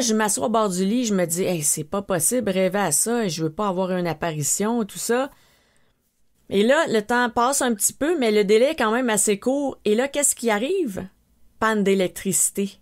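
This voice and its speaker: A woman with a Québécois French accent, hosting a podcast and telling a personal story, animatedly acting out her own frightened exclamations. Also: mid-range voice. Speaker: podcast host.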